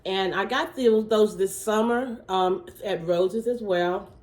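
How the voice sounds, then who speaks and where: A woman's voice: mid-range voice, slow pace, a little mellow. Woman, casual show-and-tell, slightly worn throaty voice, filler words, roomy echo. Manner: chatty, many fillers, says "okay?" to viewers. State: losing her voice, clearing throat. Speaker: vlogger, small gift business owner.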